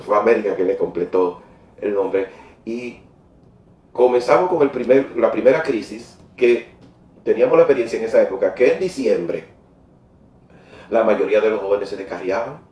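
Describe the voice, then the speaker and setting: Animated man telling his testimony. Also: on the low side, echoey room, recorded from a distance. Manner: animated storyteller, laughs often, repeats words when excited. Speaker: interview guest giving a faith testimony. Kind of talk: emotional personal testimony. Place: church.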